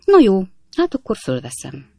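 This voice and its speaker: A man voicing a fat aging gentleman who answers insults with wounded, dignified retorts. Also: high-pitched, wildly swooping pitch, vocal fry, no echo, clean studio sound, pitched above the performer's own voice, exaggerated voice. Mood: hurt, yielding.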